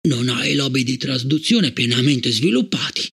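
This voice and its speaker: A man's voice: mid-range voice, lively intonation, moderate pace, vocal fry, fairly bright tone, slightly rough, voice pushed down, heavily acted. A man reading an audiobook, voicing an anxious, stammering elderly scholar who pleads breathlessly.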